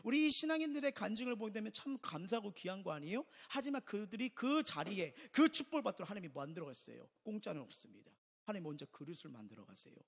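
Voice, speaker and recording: A middle-aged man delivers a Sunday sermon in a high, very animated voice that swings up and down as he presses his points. He asks rhetorical questions and repeats key lines. The sound has a gravelly edge and carries the long reverb of a church sanctuary. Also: fast. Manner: emphatic preaching with rhetorical questions and repetition. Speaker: pastor.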